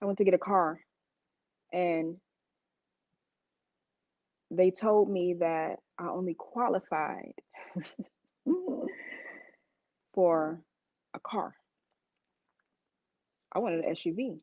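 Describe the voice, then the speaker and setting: A woman's voice: on the low side, slow, pauses often, dry recording, phone-quality sound. A woman preaching a sermon, telling stories to the congregation in a conversational, emphatic way.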